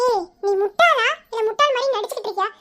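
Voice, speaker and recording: A fast, very high-pitched voice for an anxious young college girl, as a woman voices her in a cartoon love story. She quips at her friend and begs strangers for help in a rush. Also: very noisy. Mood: teasing. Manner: teasing with her friend, then pleading and tearful. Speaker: lead character in an animated love story. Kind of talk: Tamil cartoon voice acting.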